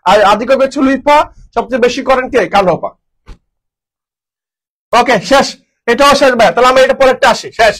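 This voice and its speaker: Young man, exam-prep tutor. Very high, quick delivery, repeats key words and answers his own questions. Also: fairly bright tone, poor audio. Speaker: teacher.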